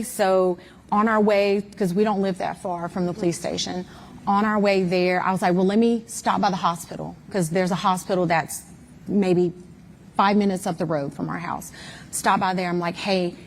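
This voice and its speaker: A woman's voice: fairly low pitch, steady tone, moderate pace, a little hiss or hum. A mother giving an interview guest's candid, emphatic account of events, with many fillers.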